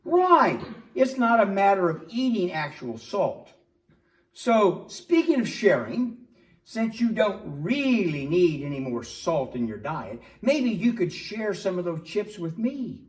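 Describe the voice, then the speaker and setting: Guy doing a high bouncy puppet buddy, friendly and a bit wheedly, echoey room. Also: very animated, slow, full character voice. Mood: explaining. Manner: friendly, patiently explaining, wheedling for chips. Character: cheerful chip-craving puppet friend, male. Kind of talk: church puppet skit. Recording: echoey room, distant mic.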